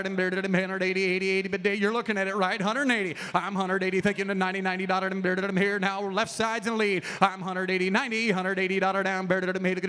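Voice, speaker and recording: A man competing as an auctioneer, rattling off rapid rhythmic bid calls with filler words. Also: high voice, a bit bright, smooth. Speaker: auction contestant. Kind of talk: auctioneer chant. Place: large indoor event hall. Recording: reverberant event hall.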